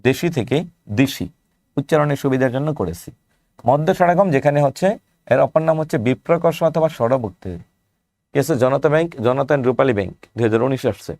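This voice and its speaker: A man with a Bangladeshi Bengali accent gives an exam-prep lecture at a brisk clip. He runs through past questions and poses rhetorical questions along the way. The recording is dry and close, with little room sound. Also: medium pitch, darkish tone, no echo. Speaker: teacher.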